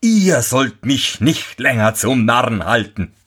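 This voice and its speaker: A storyteller playing a quick-tempered old tailor father who scolds gruffly. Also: mid-range voice, big pitch swings, a bit bright, full character voice. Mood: scolding.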